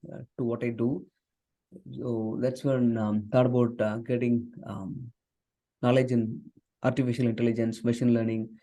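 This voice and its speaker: Speaking earnestly as an interview guest, this software engineer and author is a man in his forties from southern India whose first language is Tamil. His voice is medium-pitched and mellow, and the conversational exchange is full of fillers and restarts.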